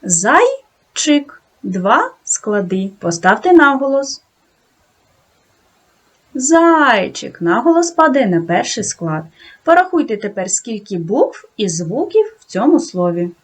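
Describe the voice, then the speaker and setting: A woman teaching a video lesson to second graders, talking slowly and sing-song and praising the children often. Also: mid-range voice, big pitch swings. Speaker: primary school teacher.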